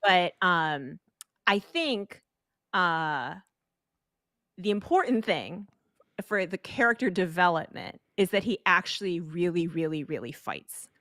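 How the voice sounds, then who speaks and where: Frank, lower-voiced woman film guest. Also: expressive, slow, sharp tone, no room sound, studio quality. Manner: candid, opinionated, joking. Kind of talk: casual film discussion.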